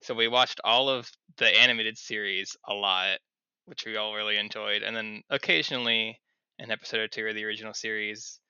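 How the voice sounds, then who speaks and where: A man's voice: on the low side, steady tone, a little fast, bright, forceful tone, smooth, no echo. Young man on a dull lo-fi mic. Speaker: podcast guest. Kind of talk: casual chat.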